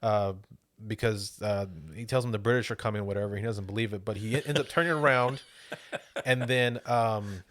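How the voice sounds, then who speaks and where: A man's voice: lowish voice, steady tone, normal speed, a bit bright. A man co-hosting a casual podcast movie review, recapping scenes in a rambling, profane way and laughing often. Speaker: podcast co-host.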